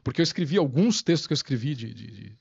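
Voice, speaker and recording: A man's voice: mid-range voice, fast talker, gravelly, slightly rough, dry recording, muffled recording. A man guest on a podcast, chatting casually and telling stories with lots of slang and acted-out quotes. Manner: animated storyteller, slangy, acts out quotes. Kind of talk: casual chat.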